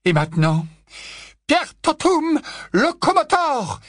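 A commanding older witch professor, stern and clipped, her voice pushed high and loud when she barks orders, as a male narrator puts her on. The tone is husky and dry. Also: very animated, normal speed, dry recording. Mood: shouting.

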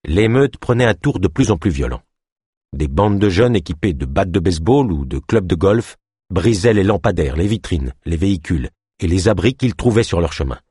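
Husky-voiced male narrator. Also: sits low, animated, normal speed, mellow, no room sound, studio quality. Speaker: audiobook narrator. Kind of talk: scripted narration.

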